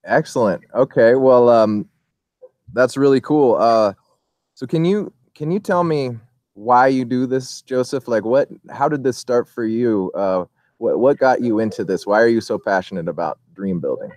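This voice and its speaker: A man's voice: mid-range voice, moderate pace, darkish tone, no echo. A man hosting a casual interview, rambling through long questions with many fillers and restarts. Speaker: interview host.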